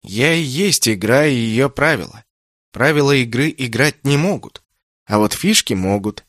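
A man's voice: medium pitch, lively intonation, a bit bright, no room sound, clean studio sound, lightly acted. A man voicing a teasing, cryptic shapeshifting being. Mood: riddling. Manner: teasing, riddling, unhurried.

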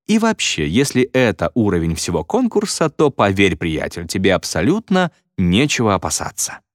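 A man voicing a sharp-tongued young woman who teases and mocks. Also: on the low side, huge pitch swings, moderate pace, dry recording, studio quality. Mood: teasing. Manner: teasing, sarcastic.

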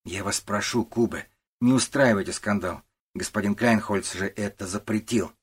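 A man's voice: fairly low pitch, moderate pace, slightly rough. Brief: nervous young male clerk, hesitant and pleading, read by a male narrator. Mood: anxious. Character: timid young male clerk, twenty-three.

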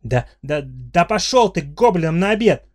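A man reading the part of a sharp-tongued young woman heroine in an audiobook, delivering her lines as bickering, indignant retorts. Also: mid-range voice, steady tone, moderate pace, breathy edge. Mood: angry.

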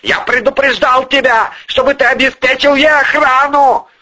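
A man voicing a hot-tempered, domineering male oligarch who yells and swears threats. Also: fairly high pitch, big pitch swings, a little slow, breathy edge, voice pushed up, heavily acted. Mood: furious. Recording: dull lo-fi recording.

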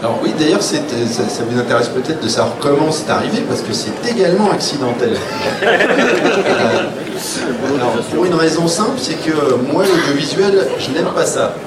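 At a public round table in a room, a male author on a panel tells anecdotes informally, bluntly and wryly, acting out the remarks he quotes. His voice is fairly high and expressive at a moderate pace, heard over a loud crowd in a roomy, distant live recording with clear noise.

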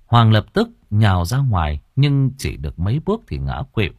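Field: expressive husky male narrator. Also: moderate pace, no echo. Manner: expressive, swings in pitch. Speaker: audiobook narrator. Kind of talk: dramatic story narration.

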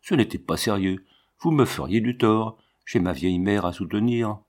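A man's voice: fairly low pitch, moderate pace, natural voice. A man reading the part of a sly, drawling young male clerk in a storybook. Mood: wheedling.

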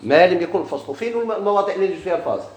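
Fast-talking Moroccan man teaching grammar. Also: sits high, expressive, a little mellow. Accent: Moroccan Arabic. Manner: questions students, then answers himself. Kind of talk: classroom lesson explaining grammar. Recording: echoey room.

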